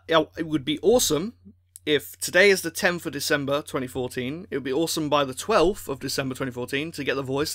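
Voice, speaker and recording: A man who makes machinima videos, rambling and rushed as he appeals to his viewers, full of restarts and a little out of breath. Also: fairly high pitch, bright, forceful tone, no echo, studio quality. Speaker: machinima creator.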